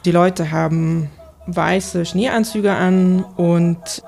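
A woman working as a correspondent, explaining things in a conversational reporting style with a creaky voice. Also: lowish voice, steady tone, very slow, darkish tone.

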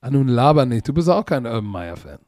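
A man's voice: mid-range voice, fairly quick, no echo, clean studio sound. A man co-hosting a podcast, telling stories in a casual, slangy way and acting out the dialogue. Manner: animated, slangy, acts out dialogue. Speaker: podcast co-host. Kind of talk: casual chat, storytelling.

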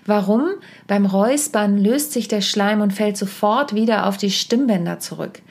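Gravelly-voiced German-speaking woman podcaster. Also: medium pitch, normal speed, darkish tone. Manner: chatty, direct, self-correcting with asides. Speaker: podcast host and stage coach. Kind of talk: casual spoken podcast advice. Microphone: podcast microphone.

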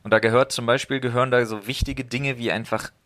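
A podcast co-host with a mid-range, slightly bright voice talks fast with fairly even intonation in a casual chat. He is blunt, swears freely, and acts out the things people say to him.

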